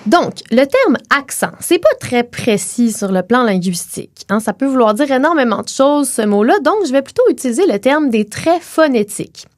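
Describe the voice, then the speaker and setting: A young woman with a Québécois accent explains phonetics on a podcast, slowing down whenever she demonstrates a sound. Her voice sits a little high and moves a lot. The recording is close and dry. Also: expressive, dry recording. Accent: Québécois French. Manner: clear teacherly delivery, slows to model sounds.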